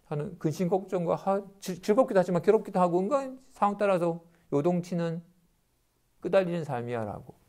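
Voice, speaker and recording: A man, a Buddhist monk, giving a dharma lecture and acting out everyday complaints in quick asides. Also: sits high, darkish tone.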